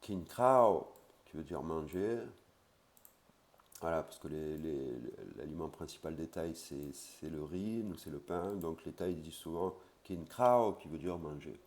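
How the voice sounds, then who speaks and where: A man with a very low voice gives a casual language lesson. He says each foreign word slowly and carefully, then explains it in a relaxed way, with frequent "voilà"s. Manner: spells out Thai words slowly, then explains them; casual, with fillers like "hein" and "voilà". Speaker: Thai language teacher.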